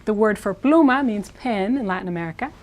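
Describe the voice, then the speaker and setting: A woman teaching a Spanish lesson, modeling words slowly and repeating each one. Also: medium pitch, animated, darkish tone. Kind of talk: video language lesson.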